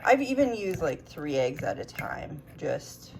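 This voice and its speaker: A woman in a home kitchen, still carrying a rough morning voice, talking through a recipe in a relaxed, chatty way. Her voice sits low with a gravelly fry, and she takes her time, speaking slowly. A faint hiss of noise lies under the recording. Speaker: cooking vlogger. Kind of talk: casual kitchen vlog.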